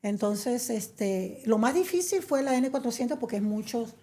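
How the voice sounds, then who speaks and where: A woman from Venezuela, telling her story in an interview; she hesitates with many fillers and restarts, then turns lively and emphatic. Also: a little high, moderate pace. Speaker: interview guest. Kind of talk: conversational storytelling.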